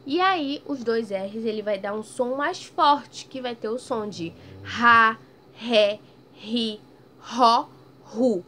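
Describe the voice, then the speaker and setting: Woman primary teacher, unhurried and patient, stretched-out example words, faint background noise. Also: a little high, animated, pushed and bright. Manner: ends phrases with "tá bem?" checks. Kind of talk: recorded remote lesson for children.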